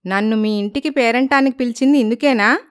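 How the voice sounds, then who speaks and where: A woman voicing a proud young village woman in an animated storybook, speaking with firm indignation. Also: a little high, fairly quick, smooth, voice pushed up, lightly acted. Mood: indignant.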